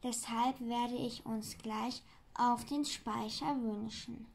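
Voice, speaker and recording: A woman voicing a mild-mannered grown man, gentle and often puzzled, while reading a children's book aloud. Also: a little high, steady tone, slow pace, vocal fry, full character voice.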